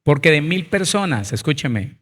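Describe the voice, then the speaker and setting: A man's voice: fairly high pitch, sing-song, normal speed, fairly bright tone. A man, a pastor preaching a Bible seminar who speaks emphatically and addresses his listeners directly.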